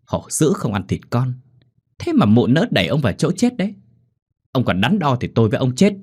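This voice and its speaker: A man voicing a scheming, sharp-tongued middle-aged wife who eggs her husband on, in a Vietnamese ghost story. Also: mid-range voice, wildly swooping pitch, brisk, slightly rough, voice pushed up.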